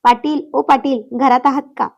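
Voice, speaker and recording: A woman's voice: high-pitched, steady tone, normal speed, creaky, darkish tone. A woman voicing a nosy, gossiping older village man who talks breathlessly and pries. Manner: breathless, prying.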